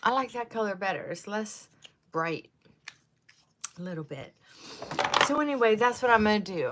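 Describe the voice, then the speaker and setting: A livestream host in her sixties chats casually while doing her makeup, rambling from tangent to tangent and sometimes sinking to a soft murmur. Her voice is medium-pitched, with background noise audible.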